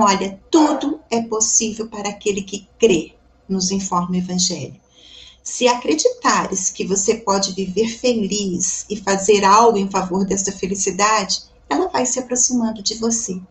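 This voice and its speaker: A woman with a Brazilian Portuguese accent gives a devotional reflection at a Spiritist center. Her voice sits at a middle pitch, and she speaks calmly and thoughtfully. She addresses her audience directly and often asks them rhetorical questions. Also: slight background noise. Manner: addresses listeners warmly as "gente". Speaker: Spiritist lecturer.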